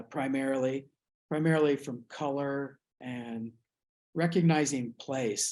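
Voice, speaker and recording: In an interview, an American artist reflects thoughtfully on his work, pausing and restarting often. His voice is medium-pitched with a darkish tone.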